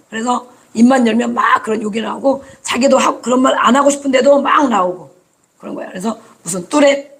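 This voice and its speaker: Male preacher, gravelly and very high, chatty sermon that acts out prayers. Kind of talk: conversational sermon.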